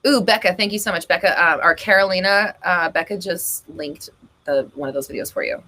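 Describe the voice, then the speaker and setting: On a casual live stream, a woman reads out viewer comments and responds in a fairly quick, sharp-toned way. Blunt and talkative, she curses often and keeps bursting into gasps and high-pitched laughter.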